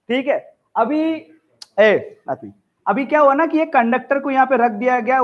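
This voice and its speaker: A male teacher giving a live physics lecture to a classroom in a chatty, joking way, often quizzing his students. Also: extremely high pitch. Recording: tinny phone-like sound.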